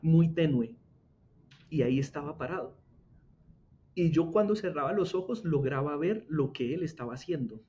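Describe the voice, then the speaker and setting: A young man giving an earnest, halting faith testimony, often repeating words as he goes. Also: fairly high pitch, lively intonation, dark tone, muffled recording, slight background noise. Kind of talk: emotional personal testimony.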